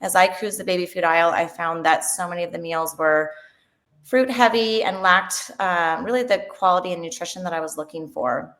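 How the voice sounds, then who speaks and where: On a webinar panel, a woman in her forties who is a registered dietitian and company founder speaks earnestly and enthusiastically, with fillers. Her voice sits on the low side with a fairly bright tone, at normal speed.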